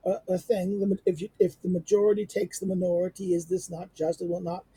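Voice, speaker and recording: A middle-aged man giving an unscripted lecture on a text, halting with many fillers, restarts and rhetorical questions. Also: high voice, level tone, warm tone, slightly rough, dry recording.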